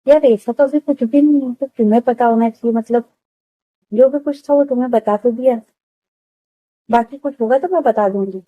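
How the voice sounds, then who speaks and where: A woman voicing an easygoing, teasing woman of thirty, with a hoarse throat. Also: on the high side, moderate pace, dry recording, narrow, tinny audio, lightly acted. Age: 30s.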